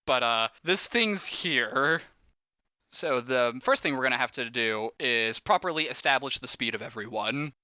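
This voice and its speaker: A man running a tabletop horror game as game master, animated, laughing and swearing casually. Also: medium pitch, a little slow, dry recording, dull audio.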